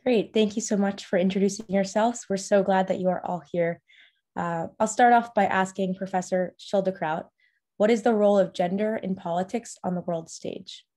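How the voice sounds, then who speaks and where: Female panel moderator; mellow tone, friendly, upbeat. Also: mid-range voice, fairly even intonation, normal speed.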